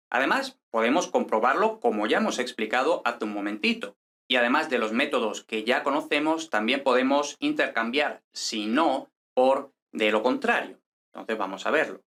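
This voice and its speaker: A man gives a patient grammar lesson, often asking "¿vale?" and reading example sentences slowly with stress. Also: a little high, bright, forceful tone. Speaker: Spanish grammar teacher.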